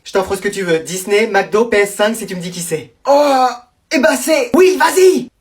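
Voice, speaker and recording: A man's voice: high-pitched, expressive. Man acting out a school comedy sketch. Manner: plays teacher, parents and pupils in quick back-and-forth.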